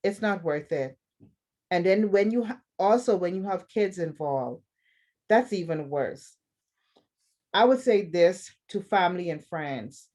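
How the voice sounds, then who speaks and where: Bahamian woman host, lower pitch, earnest advice monologue, repeats points for weight. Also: animated, measured pace, darkish tone. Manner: earnest, repeats phrases for emphasis. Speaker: podcast host.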